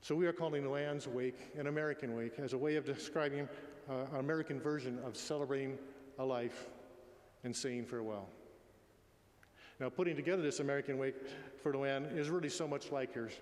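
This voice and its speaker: A man in his sixties giving a eulogy in a tender, faltering, halting way. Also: medium pitch. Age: 60s. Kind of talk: eulogy, spoken address. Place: large echoey room at a memorial gathering. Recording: echoey hall with long reverb.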